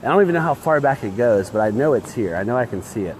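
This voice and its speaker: A man with a middling-pitched voice talks casually under a bridge outdoors. He rambles informally like a fishing streamer, with modest, opinionated asides. Faint ambient noise runs behind him on the phone recording. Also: sing-song, fast. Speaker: fishing livestream host. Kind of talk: casual chat while fishing.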